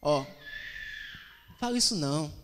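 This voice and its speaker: A fretful, protective disciple pleads in a raised, hurried voice as a preacher acts him out, the words rolling out fast. The sound carries a long church reverb. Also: male voice, on the high side, lively intonation, a little hiss or hum. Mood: anxious pleading. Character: anxious fussing male disciple Peter.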